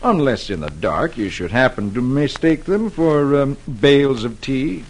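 A man voicing a calm colonial rebel leader with a dry sense of humor. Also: medium pitch, measured pace, a little hiss or hum. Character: calm adult male patriot leader, wry.

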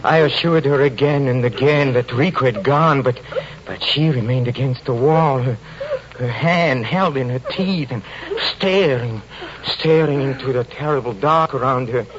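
Speaking as a haunted male stage magician driven to desperation, an actor haltingly relates a terrifying ordeal, repeating words in a melodramatic old-time radio manner. The voice is mid-range and near an everyday register, with a pleading, desperate mood. It comes through as a muffled, noisy vintage radio recording.

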